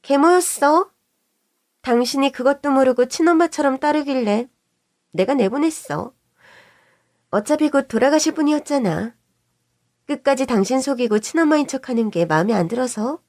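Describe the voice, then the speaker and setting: A woman's voice: sits high, expressive, a little mellow, no echo, clean studio sound. A woman voicing a pushy, scheming middle-aged sister-in-law who wheedles and snaps. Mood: angry. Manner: pushy, wheedling, quick to snap.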